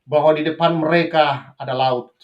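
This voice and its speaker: A man who is a pastor preaching a sermon, swinging between raised passages and quiet asides, often addressing the congregation as brothers and sisters. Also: fairly high pitch, fairly even intonation, moderate pace, lo-fi sound. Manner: preaches with sudden rises and drops, addresses listeners as brothers and sisters.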